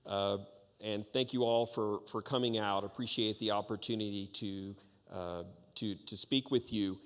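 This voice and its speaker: An American man giving a formal campaign forum speech as a candidate, in measured, halting phrases. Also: fairly low pitch, fairly even intonation. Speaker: political candidate. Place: public forum in a hall. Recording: echoey hall with long reverb.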